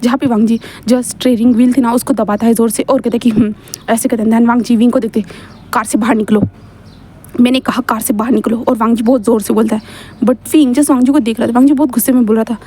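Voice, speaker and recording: A woman's voice: a little high, fairly even intonation, rapid-fire, mellow. A woman casually reading a fan-fiction story aloud, chatty and correcting herself as she goes.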